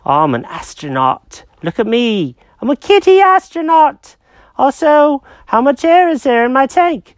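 A storyteller voicing an anxious, excitable male cat who fires off worried questions. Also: high-pitched, no room sound, studio quality, pitched above the performer's own voice. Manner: fretful, asks rapid worried questions. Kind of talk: storytelling with character voices.

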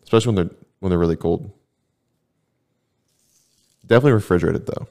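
A man chats casually on his podcast, rambling through stories at an easy, laid-back pace. His voice sits very low and deep. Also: fast talker, creaky, a little mellow. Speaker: podcast host. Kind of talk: casual chat.

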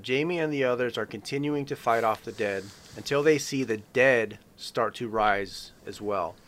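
Male co-host with a bright voice, loose scene-by-scene recap, many "uh"s. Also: on the low side. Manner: starts most sentences with "uh".

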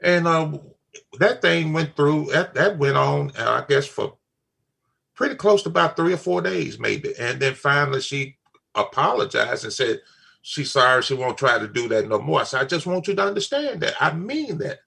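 Gravelly, raspy older man, emphatic. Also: mid-range voice, normal speed, sharp tone. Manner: emphatic, repeats key phrases. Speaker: father on a family talk show. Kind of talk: casual family chat.

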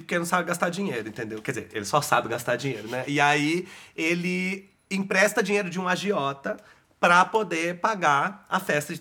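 A man telling a personal story as a guest, animated and dramatic, laughing often. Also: fairly high pitch. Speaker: guest, actor and author. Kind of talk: casual storytelling.

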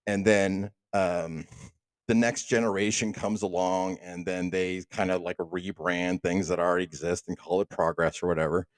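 A man's voice: low-pitched, level tone, normal speed, dry recording. A man in his thirties hosting a solo podcast, delivering a profane, rambling rant full of restarts. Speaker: podcast host. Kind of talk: casual solo monologue.

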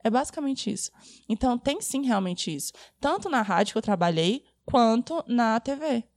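A woman's voice: a little high, expressive, moderate pace, a little mellow, no room sound. A young woman journalist with a Brazilian Portuguese accent, chatting as a guest on a podcast in a casual, slangy way. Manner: chatty, uses slangy asides.

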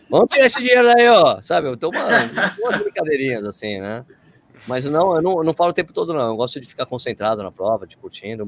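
A man with a Brazilian Portuguese accent chatting casually as a guest, telling stories in slangy everyday speech. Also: mid-range voice. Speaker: running video creator, interview guest. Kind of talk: casual chat.

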